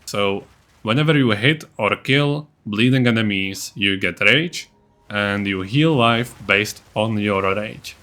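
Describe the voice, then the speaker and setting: Here the creator of a video game guide explains things informally and matter-of-factly in a relaxed build-guide voice-over. He has a lowish voice, pushed and bright, and takes his time.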